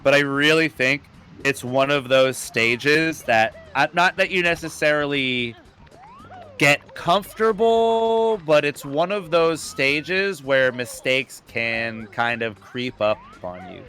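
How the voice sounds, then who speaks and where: A man's voice: fairly high pitch, takes it slowly, pushed and bright, faint music behind. A young man giving casual live speedrun commentary in a laid-back, slangy, rambling way.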